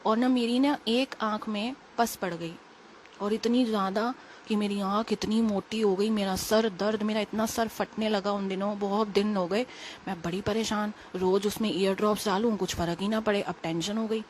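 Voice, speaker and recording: A young woman, a little unwell, telling a personal story in quick, rambling, casual talk full of fillers. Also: mid-range voice, fairly even intonation, slight background noise. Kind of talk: casual spoken testimony.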